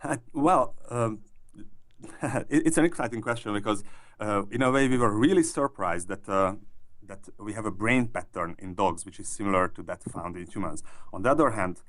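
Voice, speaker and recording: Guy with a lowish voice, scientist answering interview questions, halting, lots of uhs. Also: fairly bright tone. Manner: hesitant, many restarts and fillers. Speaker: neuroscientist interviewee.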